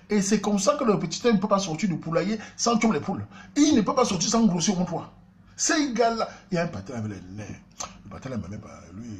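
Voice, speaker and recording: A man with a Cameroonian French accent tells a comic neighborhood story at a quick clip. His voice sits a little high for a man, jumping from loud bursts to muttered asides. A faint hum runs behind him. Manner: animated, swings between loud outbursts and low asides. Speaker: comedian.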